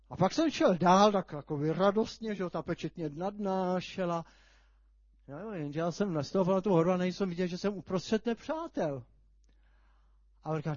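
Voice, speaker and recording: A man preaching a sermon, telling a vivid story with sudden loud outbursts. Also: sits high, no echo. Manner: animated storytelling, sudden shouts. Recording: dull lo-fi sound.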